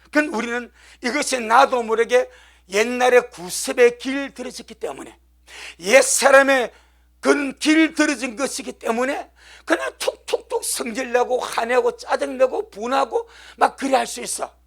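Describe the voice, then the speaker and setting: A middle-aged male pastor preaching a sermon, pressing his points through repetition and dropping from loud stresses to hushed near-whispers. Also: very high-pitched, moderate pace, vocal fry.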